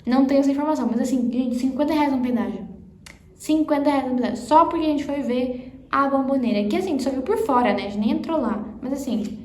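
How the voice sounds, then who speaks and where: A woman's voice: high-pitched, fast, a little mellow, slight background noise. A young woman giving a chatty, casual language lesson, laughing and exaggerating pronunciation drills. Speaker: Spanish teacher. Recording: roomy echo, faint ambience.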